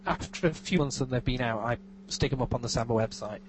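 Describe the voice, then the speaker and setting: Speaking quickly at a medium pitch, a man from England rambles through a casual interview as a guest, full of self-mockery and false starts. He lives in California and is recorded remotely, with noise in the background.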